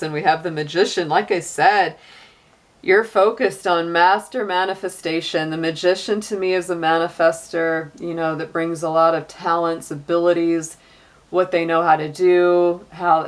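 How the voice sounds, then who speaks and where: A woman's voice: lowish voice, fairly even intonation, moderate pace. A middle-aged woman giving a casual tarot reading, chatty, with frequent laughs and many "you know" and "like" fillers. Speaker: tarot reader.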